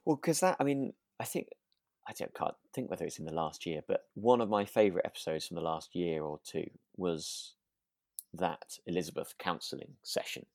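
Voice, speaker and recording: A low-voiced man with a darkish tone co-hosts a podcast, chatting casually about a radio drama at a moderate pace. He's effusive and often repeats himself while searching for words. The studio-quality recording has no room sound.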